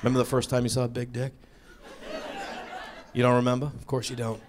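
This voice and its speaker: A man doing a stand-up comedy set on stage, telling a story with lively delivery and acting out the voices of the people in it. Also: medium pitch, fairly quick, a crowd in the background, background noise. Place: comedy club stage before a live audience.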